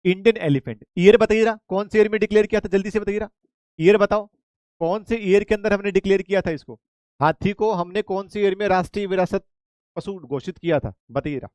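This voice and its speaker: Guy teaching an online class, keeps firing questions at students, mixes english words in, voice a bit high, very dry sound. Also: fast talker, no room sound. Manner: lively, repetitive drilling with questions to students; mixes Hindi with English terms. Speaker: online exam-prep teacher.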